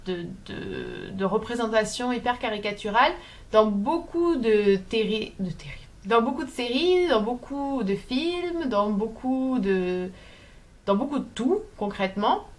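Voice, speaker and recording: A young woman from France talking casually to camera at home, thoughtful and halting, with many fillers and restarts. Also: fairly high pitch. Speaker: video essayist.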